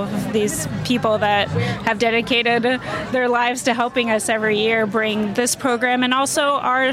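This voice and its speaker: A woman festival organizer answering interview questions enthusiastically outdoors, with frequent fillers. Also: on the high side.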